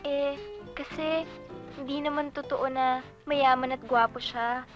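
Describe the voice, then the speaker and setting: A woman's voice: high-pitched, fairly even intonation, measured pace, lo-fi sound, soft background music. An actress playing a loyal female friend who speaks in a caring, reassuring way.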